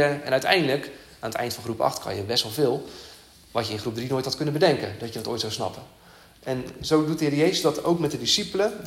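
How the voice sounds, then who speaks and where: A man preaching a sermon in an earnest, halting way, with many fillers and restarts. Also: medium pitch, reverberant, a little hiss or hum.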